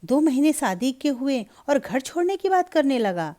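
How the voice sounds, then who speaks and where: A woman's voice: high-pitched, very animated, moderate pace, dark tone, pitched above the performer's own voice. A woman voicing an anxious, insistent young married woman in a Hindi storybook reading. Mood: worried.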